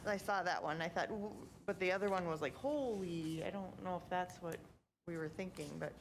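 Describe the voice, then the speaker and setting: A woman on a video call, chatty and animated as a commission member. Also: lowish voice, moderate pace, a little hiss or hum. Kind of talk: casual meeting talk.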